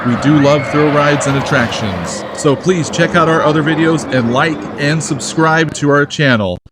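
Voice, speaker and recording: Higher-voiced man narrating over loud noise. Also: moderate pace. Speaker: video channel host. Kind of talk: scripted video narration. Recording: very loud outdoor background noise.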